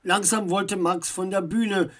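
A woman narrating a children's audiobook in a measured, expressive storytelling manner. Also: medium pitch.

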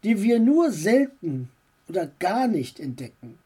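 A kind, secretive uncle in a storybook, played by a woman reading. He dodges questions with gentle teasing. The voice is slow and mellow, a little louder than the narration. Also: mid-range voice, very animated, husky. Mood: teasing calm.

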